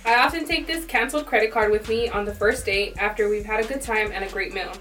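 Woman on a podcast reading a post out loud, plain and matter-of-fact, mic kinda far, faint music behind. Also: mid-range voice, fast. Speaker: podcast guest. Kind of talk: reading a post aloud in casual chat.

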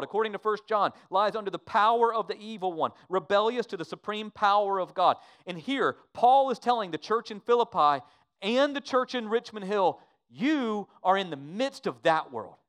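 A man preaching a sermon as pastor, swinging from hushed to emphatic and repeating words as he pleads with the church. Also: high voice, smooth.

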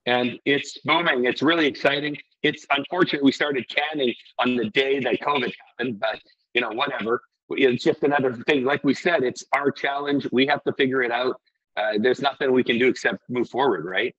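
A husky middle-aged man from Iceland who owns a brewery talks earnestly in a relaxed interview, rambling and restarting his sentences. The sound is dull and a little lo-fi. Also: mid-range voice, fairly quick. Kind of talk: casual interview talk.

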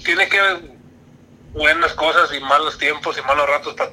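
Guy guesting on a podcast, thinking out loud, kinda high bright voice. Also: moderate pace, a little hiss or hum, rough recording. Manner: reflective, musing about life with frequent restarts. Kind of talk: casual chat.

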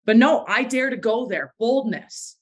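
A woman's voice: a little high, animated, measured pace, husky. A woman giving a motivational talk to a sales team, emphatic and repeating phrases for effect, with a bit of morning voice. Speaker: direct sales team leader.

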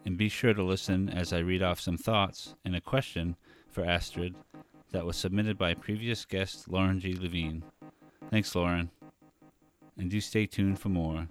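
Deep voiced podcast host guy, easygoing, bit of music under him. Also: steady tone, normal speed. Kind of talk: podcast intro and interview.

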